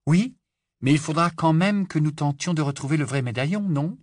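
A man's voice: fairly high pitch, moderate pace, no echo, studio quality, pitched above the performer's own voice, lightly acted. A man voicing an anxious, studious teenage girl witch who stammers and pleads. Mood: earnest.

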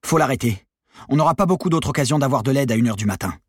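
A man reading an audiobook, voicing a bold, sharp-tongued teenage girl with mocking quick retorts. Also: mid-range voice, animated, husky, no echo, studio quality, voice pushed up. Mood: cheeky.

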